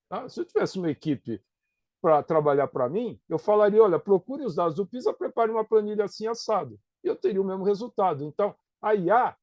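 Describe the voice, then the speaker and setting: A man's voice: high voice, dark tone, no echo. A middle-aged man with a Brazilian Portuguese accent, a professor explaining things in an interview, often checking in with "né?" and "tá?". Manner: conversational, tags points with "né?" and "tá?".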